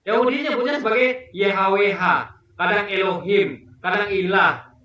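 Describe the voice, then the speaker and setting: A man's voice: high voice, moderate pace, pushed and bright, heavy reverb, recorded from a distance. A man talking casually as a video commentator, rambling and repeating words while he searches for examples. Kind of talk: casual commentary on a debate clip.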